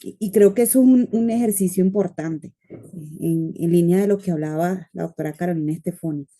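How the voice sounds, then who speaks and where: A woman's voice: on the low side, fairly quick, warm tone. A woman speaking as a panelist, earnest and anecdotal, often using fillers. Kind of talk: panel discussion talk.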